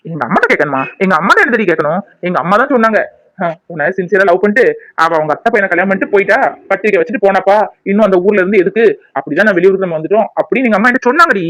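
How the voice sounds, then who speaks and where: A man's voice: sits high, lively intonation, racing, fairly bright tone, no room sound, rough recording. A man voicing a jilted young man in a cartoon, bitter and accusing toward the woman who left him.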